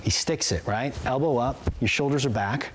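A man's voice: mid-range voice, normal speed, slight background noise. A man, a guest actor and comedian, teaching a mock impressions class in an upbeat, instructive way.

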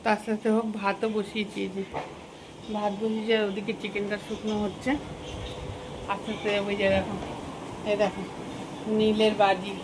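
A Bengali-accented woman from West Bengal, India, chats casually in a home vlog from her kitchen and balcony on a festival night, rambling and filling gaps with hesitation words. Her mid-range voice is brisk with little pitch movement and long pauses. Noise, firecrackers and street ambience fill the background.

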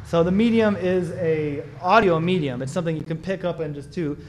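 Man speaker at a small conference, slightly high voice, loose rambling delivery full of restarts. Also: brisk, a little mellow, a little hiss or hum. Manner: rambling, many restarts and fillers. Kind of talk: casual conference talk and Q&A.

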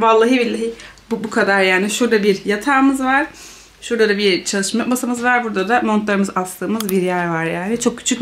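A young woman chatting playfully to a handheld camera for her travel vlog, laughing often and breaking into lively exclamations. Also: fairly high pitch. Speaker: travel vlogger. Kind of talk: casual travel vlog chat.

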